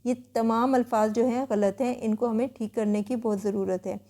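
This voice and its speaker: A woman teacher calmly explaining spelling rules word by word, in a patient way. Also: a little high, moderate pace.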